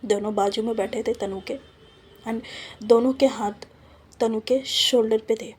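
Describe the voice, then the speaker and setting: A woman's voice: a little high, darkish tone, slight background noise. A woman telling a story in a chatty, casual way, dropping in English asides.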